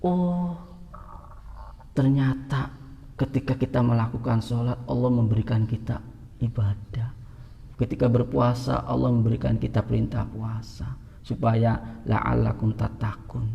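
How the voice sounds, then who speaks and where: A man preaching a religious lesson, asking questions and answering them himself, his pitch jumping up for emphasis. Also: little pitch movement, moderate pace, vocal fry, dull audio. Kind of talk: religious teaching. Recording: long reverb in a hall.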